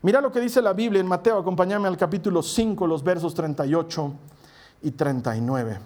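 A man preaching a conversational sermon, telling humorous personal stories and slowing down to stress key points. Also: sits high, a little mellow. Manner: humorous, storytelling, slows for emphasis.

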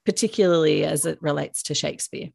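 Aussie woman host, low voice, dry close sound, calm careful questions. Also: creaky, slightly rough, no room sound. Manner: measured, asks reflective questions. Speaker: podcast host. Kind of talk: podcast interview.

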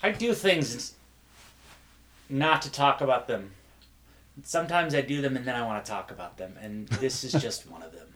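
A man's voice: mid-range voice, lively intonation, moderate pace, pauses often, fairly bright tone. A man running for city council, talking casually and sarcastically in a podcast interview, often laughing at his own jokes.

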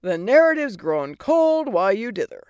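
A woman voicing a bossy, sarcastic fairy godmother who talks loudly and bluntly. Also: mid-range voice, sing-song, moderate pace, clear, resonant tone, no echo, muffled recording, lightly acted.

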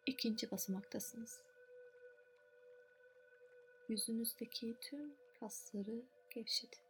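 A woman softly narrating a guided relaxation meditation in a soothing, unhurried way, with long pauses between short phrases. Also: a little high, soft background music.

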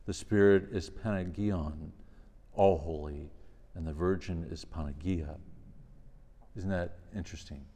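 Low voiced guy, priest doing a thoughtful talk and prayers, big echoey hall reverb. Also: steady tone, unhurried, pauses often, mellow. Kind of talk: religious lecture and prayer. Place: large reverberant indoor room.

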